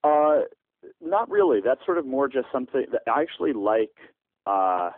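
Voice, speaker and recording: A man's voice: medium pitch, expressive, normal speed, no echo. A man being interviewed over a landline phone, a startup founder answering at length with frequent "uh" fillers and restarts. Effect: heard over a landline phone. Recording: tinny, dry landline phone line.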